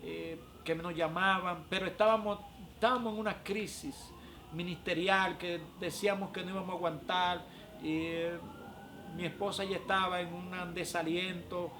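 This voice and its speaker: A man tells his religious testimony with emotion, often pausing with "eh". His voice sits high for a man. Faint noise runs behind him. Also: steady tone, bright, forceful tone. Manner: emotional, frequent "eh" fillers. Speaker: prophet.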